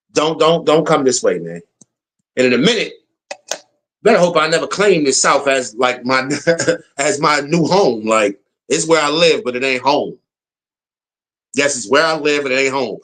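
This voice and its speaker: A man's voice: a little high, fairly bright tone. An American man giving a blunt, slangy political rant, repeating his points for emphasis. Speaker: political commentator. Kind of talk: casual opinion rant.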